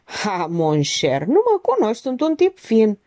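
A woman's voice: mid-range voice, huge pitch swings, mellow, no room sound, studio quality, voice pushed up. A woman voicing a cynical, smug man who talks in a sneering, mock-polite drawl.

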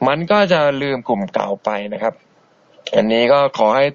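A man's voice: moderate pace, creaky, dry recording. A man hosting an internet radio show, chatting politely and easygoingly as he reads out and answers listener messages. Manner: easygoing and polite, chatty, soft-spoken asides. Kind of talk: casual radio chat reading listener messages. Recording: dull, boxy low-bitrate internet radio stream.

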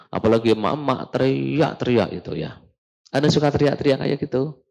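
A man teaching a religious study session to a live audience, lively and joking, often asking the room questions. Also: mid-range voice, gravelly, low-quality recording. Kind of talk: casual Islamic study talk.

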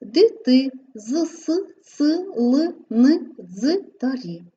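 A woman teaching an exam-prep grammar lesson, slowly sounding out each example word with careful enunciation. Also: sits high, big pitch swings, warm tone. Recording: slightly dull, lo-fi recording with faint background noise.

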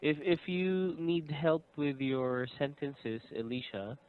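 A man's voice: fairly high pitch, expressive, slow, clean tone. A man in his thirties teaching an English lesson over a call, patient and encouraging, laughing often. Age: 30s. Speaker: English tutor. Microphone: video call. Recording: tinny phone-like line.

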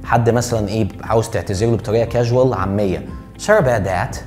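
A young Egyptian man with an Egyptian Arabic accent, teaching English phrases in a joking, slangy way and drawing out the examples slowly. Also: fairly low pitch, darkish tone. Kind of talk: casual online English lesson. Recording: faint music behind.

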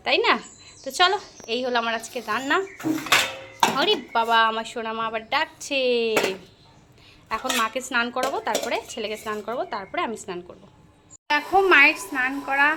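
High-voiced woman vlogging at home. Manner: chatty, addresses viewers directly; coos baby talk to her son. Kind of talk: casual daily-life vlog narration. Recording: noisy home ambience.

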